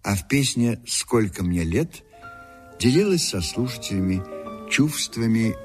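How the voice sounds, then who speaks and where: A man narrating a documentary from a script, in a measured, expressive storytelling manner. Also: on the low side, over music.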